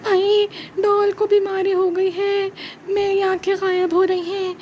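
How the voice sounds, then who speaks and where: Woman playing a high, whiny child doll, overdramatic, puppet show. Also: level tone, unhurried, a little mellow, lo-fi sound, slight background noise. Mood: panicky. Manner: wailing, overdramatic pleading. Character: panicky little girl doll, whiny and dramatic.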